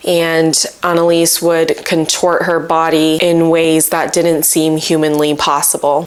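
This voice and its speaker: A woman's voice: deep voice, smooth. A young adult woman telling a true story to camera in a casual, conversational way, as a video host seated in a bedroom. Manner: conversational, informal. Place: small indoor bedroom.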